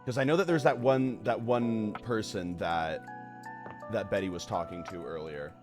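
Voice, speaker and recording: A man streaming a game with casual, jokey commentary, reacting in an animated way. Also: lowish voice, normal speed, music in the background. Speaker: gameplay streamer.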